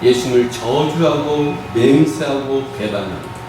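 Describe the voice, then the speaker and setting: A man's voice: medium pitch, measured pace, music in the background. A man preaching a sermon as pastor, asking his congregation rhetorical questions and acting out quoted prayers. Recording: echoey hall from far off.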